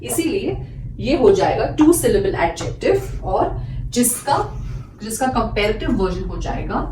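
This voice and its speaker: A woman's voice: fairly high pitch, sing-song, a little slow, noisy background. A woman teaching a grammar lesson, patiently asking and answering her own questions and repeating examples. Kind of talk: classroom-style grammar lesson. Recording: echoey room, mic at a distance, faint music.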